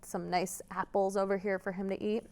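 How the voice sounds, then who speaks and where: Her mid-range voice barely moves in pitch and sounds a little mellow, at a normal speed. She's a children's librarian hosting storytime, telling stories interactively and coaching the kids with questions.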